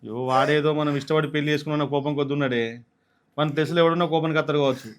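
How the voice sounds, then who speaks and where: A man's voice: a little high, steady tone, very fast, close to an everyday voice. An actor with a Telangana accent playing a young husband who urgently coaxes and consoles his pregnant wife. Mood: consoling. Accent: Telangana Telugu. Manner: coaxing, urgent. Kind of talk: village short film acting.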